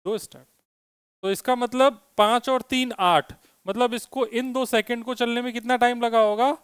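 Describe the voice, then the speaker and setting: High-voiced man teaching physics. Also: fairly even intonation, moderate pace, fairly bright tone, clear, resonant tone, dry recording, clean studio sound. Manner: asks students questions, teasing and joking. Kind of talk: classroom lecture with students. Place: classroom.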